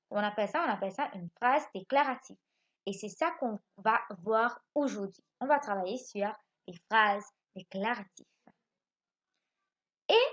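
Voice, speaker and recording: Woman teacher doing a lesson for little kids, kinda high and bouncy voice, keeps asking stuff then answering it, dull lo-fi sound. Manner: lively, repeats points, asks questions and answers them herself. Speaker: primary school French teacher. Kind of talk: recorded home lesson for young children.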